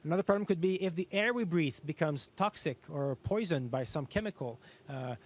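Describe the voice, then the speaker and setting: Man, slightly high voice, astronaut answering questions, educational talk, simple explanations, everyday comparisons. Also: lively intonation, a little fast. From Canada. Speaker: astronaut guest answering students.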